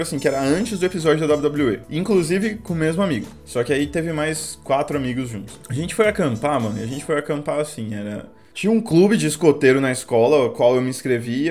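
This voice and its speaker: Guy, young, talking super fast, swearing a lot, rambling story-time vibe. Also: on the high side, a little mellow. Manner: slangy, profane, rambling anecdote. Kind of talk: casual comedic story-time.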